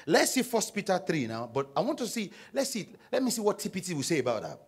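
A man's voice: big pitch swings, fast talker, breathy edge. A young man with a Nigerian English accent preaching a sermon on a church stage into a handheld mic, calling on the congregation to read along and answer back. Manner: call-and-response preaching, prompting the congregation to read aloud; paces the stage, swings between loud emphasis and low asides. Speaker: pastor. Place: large church auditorium stage.

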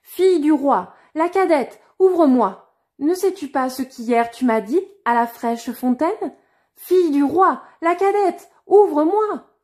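A woman voicing a pleading, insistent little frog at a well in a fairy-tale reading, calling out high and loud. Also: lively intonation, a little slow, hardly any pauses. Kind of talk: storybook reading.

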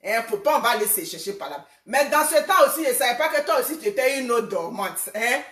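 A woman's voice: a little high, very animated, brisk, fairly bright tone, roomy sound, distant mic. A woman in her forties speaking casually to another woman, retelling past exchanges and calling for reconciliation. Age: 40s. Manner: conversational, retelling quoted exchanges. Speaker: social media personality. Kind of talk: casual personal address to a rival.

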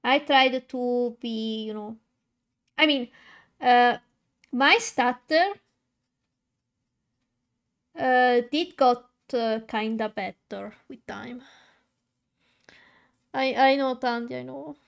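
A young VTuber streamer chats casually with her viewers while coloring. Her voice is fairly high and slow with vocal fry, and she pauses often, stutters, and fills her talk with fillers and restarts.

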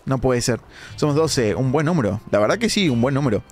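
A young man, hoarse from a sore throat, giving animated live-stream gameplay commentary with dramatic outbursts. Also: medium pitch, fairly quick. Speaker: gaming streamer.

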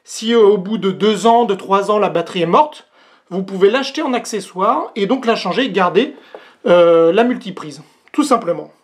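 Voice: medium pitch, lively intonation, moderate pace. A vlog host doing a casual unboxing demo, talking straight to viewers, with many hesitant fillers and a joke about their own English accent. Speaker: host reviewing a product.

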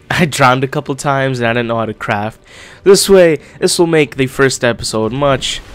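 A man's voice: mid-range voice, moderate pace, clean tone. A young man doing casual let's-play commentary, slightly congested from being sick, talking with a swollen lip. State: getting over being sick. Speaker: gaming YouTuber, host.

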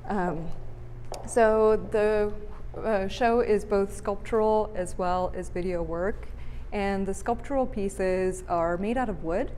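A woman's voice: medium pitch, slow, a little mellow. Woman artist talking through her work in a big gallery, long echo, bit of hum behind her. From Bulgaria. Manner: thoughtful, reflective, with frequent fillers. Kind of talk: gallery interview. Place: large art gallery indoors. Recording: reverberant gallery, faint hum.

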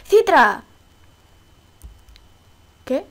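A woman from Spain with a Spanish accent, giving excitable, exclamatory Let's Play commentary and swearing casually. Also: high-pitched, drawn-out words. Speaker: gaming YouTuber.

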